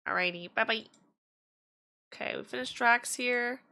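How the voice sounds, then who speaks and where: Bright, giggly streamer woman. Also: a little high, moderate pace, creaky. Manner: chatty and giggly, heavy with fillers. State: slightly strained, losing her voice. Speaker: tarot-reading streamer. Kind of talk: casual live-stream chat.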